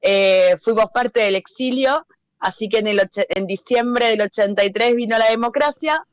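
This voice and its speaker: A woman's voice: fairly high pitch, moderate pace, no room sound, studio quality. A woman, a poet guest speaking over a phone call with humor. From Peru, raised in Argentina. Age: 40s. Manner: humorous, relaxed. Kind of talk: casual interview over the phone. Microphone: phone call over a messaging app.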